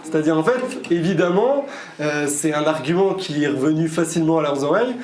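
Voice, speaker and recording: Halting, sarcastic male lecturer in an echoey hall. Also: a little high, darkish tone. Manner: halting, with frequent "euh" and repeated words; sarcastic, ironic asides. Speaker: guest lecturer. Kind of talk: conference talk to a live audience. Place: conference hall. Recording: echoey hall, faint room noise.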